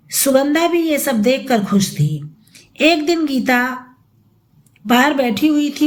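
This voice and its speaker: Brief: woman narrator, audiobook story, high voice, expressive and dramatic.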